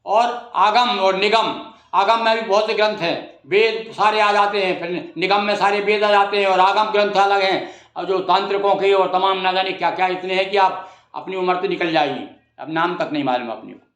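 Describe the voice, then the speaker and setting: Male devotional storyteller, high voice, casual and explanatory, verses chanted slowly; roomy echo. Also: a bit bright. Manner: conversational, explains verses in plain words, addresses listeners as bhaiya. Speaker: Ramayana storyteller. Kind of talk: devotional discourse.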